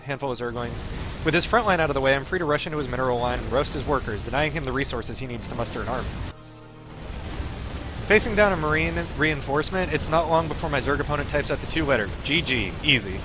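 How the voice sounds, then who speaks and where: A man streaming a visual novel reads its narration aloud with expression, then drops into casual offhand commentary. His voice is on the high side, animated and brisk, with music in the background.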